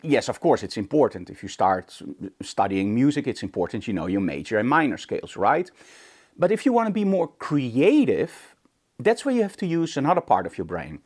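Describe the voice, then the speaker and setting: Very animated at a moderate pace, a man with a medium, slightly mellow voice hosts a relaxed photography tutorial aimed at the camera. He is from the Netherlands, a native Dutch speaker, and his emphatic chat features rhetorical questions.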